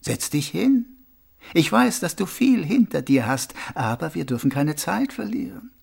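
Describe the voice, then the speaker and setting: A mysterious, knowing stranger, as a male narrator puts him on, soft and ironic, his husky, gravelly voice dropping low. The pitch moves freely. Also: big pitch swings, measured pace, exaggerated voice. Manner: soft, ironic, partly whispered.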